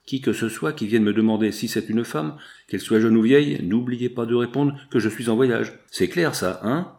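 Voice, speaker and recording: A man's voice: mid-range voice, normal speed, gravelly, a little mellow, close to an everyday voice. A man voicing a curt, sneering concierge. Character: gruff curt male concierge, mocking.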